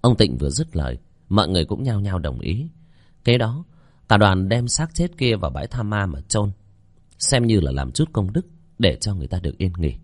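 A man narrates a spooky tale with expressive storytelling. His voice sits low but swings widely in pitch. The recording is dry and close. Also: fairly quick, no echo. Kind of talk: audiobook horror story narration.

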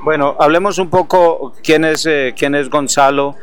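A man's voice: a little high, unhurried, a little hiss or hum. Polite male radio reporter. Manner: hesitant, polite questioning. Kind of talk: radio interview.

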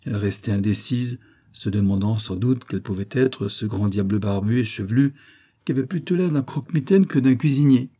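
A man narrating a classic novel as an audiobook in a measured, literary manner. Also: lowish voice, mellow, husky.

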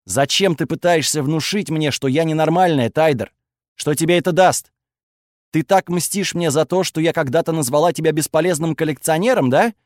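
A man voicing an angry, defensive young woman with strange powers, who accuses and shouts sharply. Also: on the high side, animated, moderate pace, no room sound, studio quality, lightly acted. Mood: furious, accusing.

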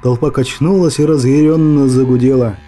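A man narrating a fairy-tale audiobook in a dramatic, expressive storytelling manner. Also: mid-range voice, moderate pace, faint music behind.

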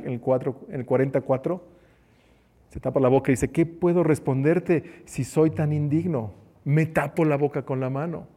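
A man's voice: on the high side, warm tone. A man preaching a conversational sermon who acts out the quotes he tells. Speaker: preacher and teacher.

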